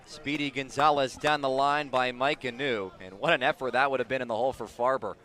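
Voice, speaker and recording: Calling baseball live on the radio from an outdoor ballpark, a man speaks in a mid-range voice with fairly even intonation. His delivery is brisk and sharp, the clipped calls climbing as the action builds.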